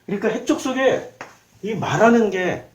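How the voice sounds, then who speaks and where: Male pastor, high voice, lively talky sermon that keeps quizzing the pews. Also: moderate pace. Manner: animated, conversational, quizzes the congregation. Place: church.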